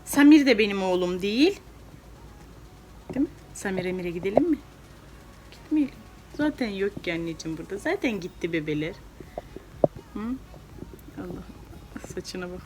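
A woman's voice: medium pitch, expressive, moderate pace, pauses often. Young woman, doting mother, playful baby talk, background noise. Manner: cooing, playful baby talk to a small child. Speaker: mother and vlogger. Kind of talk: casual family vlog chat.

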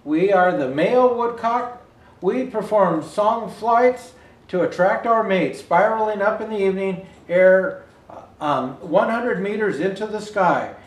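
With a high-sitting voice and a measured pace, an older man in the role of Santa reads a picture book to children, giving an expressive reading with asides for viewers. A roomy indoor echo colors the sound.

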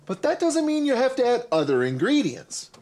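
A man's voice: very high voice, wildly swooping pitch, normal speed, noisy background. A man in his thirties hosting a cooking show, talking viewers through each step in an upbeat, instructive way with playful asides. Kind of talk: scripted cooking show presenting. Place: home kitchen and supermarket.

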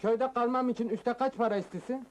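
An actor playing a naive, cheeky young farmhand in love, with a rural Anatolian Turkish accent and broad folksy comic delivery in a village comedy film. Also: male voice, very high voice, quick pace. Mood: indignant, bargaining. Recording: noisy old film soundtrack.

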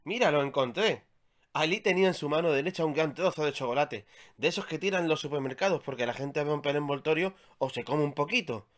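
A man from Spain reading aloud his own children's story, with measured, expressive storytelling. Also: a little high.

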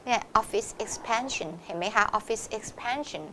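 Woman tutor going over exam questions, kinda high voice, reads the english bits out slow. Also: lively intonation, pushed and bright, slight background noise. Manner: explains in Thai, reads English exam lines slowly. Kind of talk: test-prep lesson.

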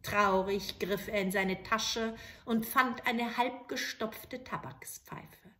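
Bright-voiced woman reading a fairy tale. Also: mid-range voice, slow, slight background noise. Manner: calm, clear storytelling. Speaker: storyteller.

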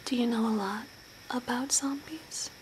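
Playing a makeup artist, a young woman performs a soothing ASMR role play, her soft, breathy whisper held near the microphone to suggest personal attention. She sounds slightly high-pitched and unhurried. The setting is a small room at home beside a window, and ambient hiss fills the noisy recording.

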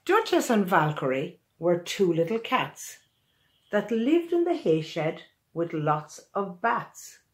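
Reading her own children's picture book, a woman in her sixties speaks in a voice on the low side. It's an animated, expressive, deliberately paced storybook session recorded in a small room at home.

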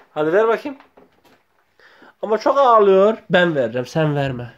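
A man's voice: sits high, very animated, unhurried, lo-fi sound, noisy background. A man playing with his small child, coaxing and repeating words over and over. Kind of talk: playful home video chat with a child.

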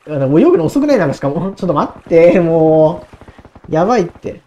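A woman in her twenties giving casual gameplay commentary, excitable and talking to herself, repeating words in quick bursts. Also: on the low side. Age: 20s. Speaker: gaming YouTuber.

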